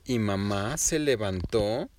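A man telling a child an improvised bedtime story, gently and animatedly addressing the listener. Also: on the low side, expressive, slow, slight background noise.

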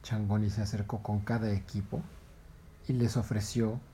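A man's voice: on the low side, level tone, normal speed, warm tone, a little hiss or hum. A man narrating a children's story in a playful, dramatic way.

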